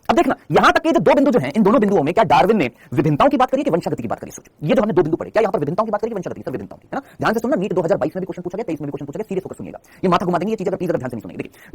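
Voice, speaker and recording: A man's voice: high-pitched, slightly rough, no echo. A man teaching a biology exam-prep lecture, asking his students questions, answering them himself and teasing students by name.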